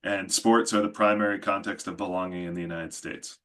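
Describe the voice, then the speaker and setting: A man's voice: sits low, steady tone, a little fast, fairly bright tone. A man from New Jersey, an instructor reflecting thoughtfully in a class discussion over a video call.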